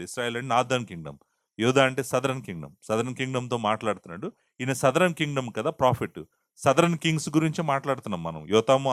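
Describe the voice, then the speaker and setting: A man's voice: mid-range voice, no room sound. Man preaching with dry close sound. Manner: lively teaching with rhetorical questions; mixes English words into Telugu. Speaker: pastor. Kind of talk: expository sermon.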